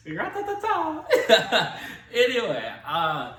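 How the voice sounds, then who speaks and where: A man's voice: fairly low pitch, expressive, a little fast, a bit bright. A man hosting a casual chat, loose and joking, with profane slang. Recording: roomy, distant mic, faint noise.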